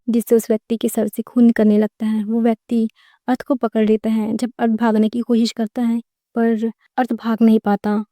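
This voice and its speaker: A woman storyteller reads an audiobook tale in a plain, steady way. Her voice is fairly high but flat in pitch, with a mellow tone and a dry, close sound. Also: no room sound.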